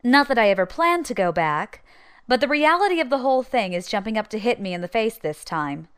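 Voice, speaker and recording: A woman's voice: on the high side, sing-song, fairly quick, clear, resonant tone. An actress playing a wry, determined young pirate reading out her journal in an audio drama. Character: bold young woman pirate informant, nervous but determined.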